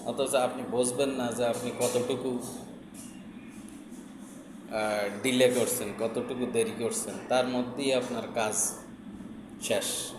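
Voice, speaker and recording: A man's voice: mid-range voice, steady tone, takes it slowly, pauses often. A man chats casually to his followers, talking with his mouth full as he eats chocolate. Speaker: social media vlogger. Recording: echoey room with clear background noise.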